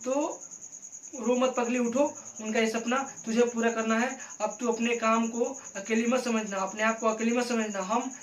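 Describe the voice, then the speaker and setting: A man's voice: very high-pitched, steady tone, moderate pace, echoey room, distant mic, low-quality recording. A man voicing an older woman who soothes and coaxes a weeping widow. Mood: consoling.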